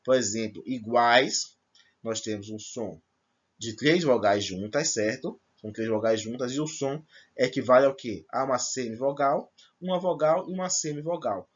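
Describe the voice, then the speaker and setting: A man's voice: medium pitch, normal speed, breathy edge, lo-fi sound. A man teaching a grammar lesson to first-year students, explaining step by step and checking in with his class. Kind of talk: recorded remote class lesson.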